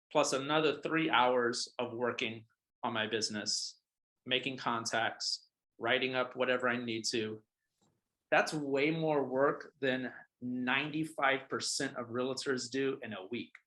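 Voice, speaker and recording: A man in his thirties, medium-pitched, bright and forceful, coaches fellow realtors in an office with a casual, emphatic motivational talk. He repeats his points, checks in with listeners, and often tacks on "all right?"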